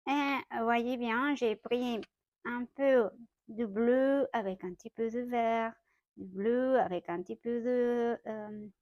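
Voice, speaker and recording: Young Mexican woman, Spanish-accented French, casual art tutor, slightly high voice, dry close recording. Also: steady tone, slow, darkish tone, no room sound, lo-fi sound. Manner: chatty, self-correcting, light laughs. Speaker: watercolor artist. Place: home art studio.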